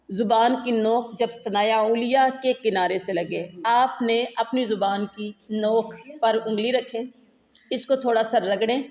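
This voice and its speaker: A woman's voice: fairly high pitch, a little mellow. A woman with a Pakistani Urdu accent, a Quran recitation teacher, patiently explaining letters step by step and drawing each sound out for students to copy. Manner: repeats Arabic letters slowly for students to copy. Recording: dull lo-fi sound.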